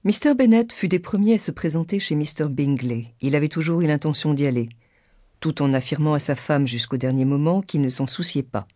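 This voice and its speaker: A woman reads a classic novel aloud in an audiobook, measured and literary. Her voice is dark and mellow, and the recording is dry and close, with no room at all. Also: sits low, no room sound. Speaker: audiobook narrator. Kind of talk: scripted narration.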